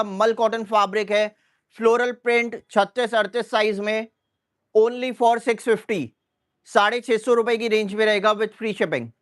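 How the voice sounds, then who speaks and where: Brief: high-pitched male seller on a live sale stream, repetitive price-and-size patter. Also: fairly bright tone. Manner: repeats sizes and prices in a brisk listing rhythm.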